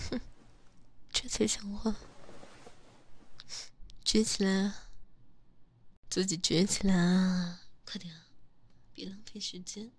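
A woman's voice: medium pitch, gravelly. A woman in a whispered role-play, voicing a jealous, possessive young lover who scolds and then coaxes close to the ear. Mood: jealous scolding.

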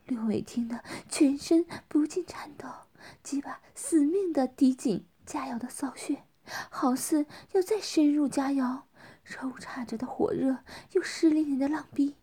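Woman whispering an erotic story, quiet breathy narration, high-ish voice. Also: measured pace. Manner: soft, hushed whisper.

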